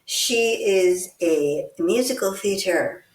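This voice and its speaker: A woman from Texas co-hosting a local politics podcast, talking in a deliberate, pointed way with some sarcastic criticism. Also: medium pitch, expressive, distant mic, noisy background. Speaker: podcast co-host. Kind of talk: casual political commentary. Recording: roomy sound, set back from the mic.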